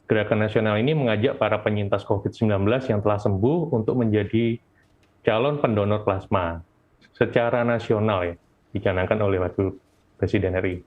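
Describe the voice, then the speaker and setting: Low-pitched Indonesian man muffled by face mask. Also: fairly quick. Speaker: volunteer presenter. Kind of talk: informal webinar presentation. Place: at home. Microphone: video call. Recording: dull, lo-fi video call.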